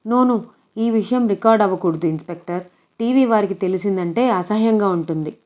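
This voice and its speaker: A woman's voice: mid-range voice, brisk, a little mellow, close to an everyday voice. A woman reading the lines of an anxious, proud male writer in a storybook, giving tense, insistent replies.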